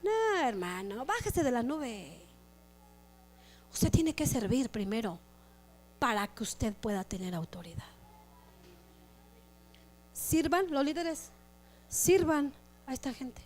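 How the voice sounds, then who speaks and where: A woman pastor preaching a sermon in a lively way, acting out church members in quick asides. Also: sits high.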